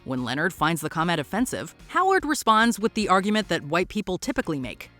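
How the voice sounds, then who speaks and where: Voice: mid-range voice, big pitch swings, fast, bright, forceful tone, soft background music. A narrator reading a scripted countdown voice-over with wry commentary.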